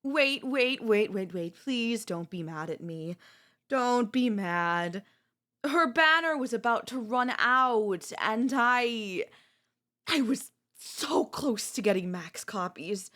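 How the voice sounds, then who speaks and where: A woman's voice: mid-range voice, animated, takes it slowly, hardly any pauses, husky. A woman voicing a bratty, spoiled young queen in an ASMR audio role-play, whiny and playfully haughty. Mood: whiny pleading.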